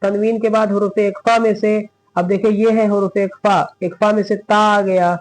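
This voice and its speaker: Man, high-pitched, Quran reading teacher, repeats "theek hai", slow demonstration recitation. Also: flat delivery, rough recording.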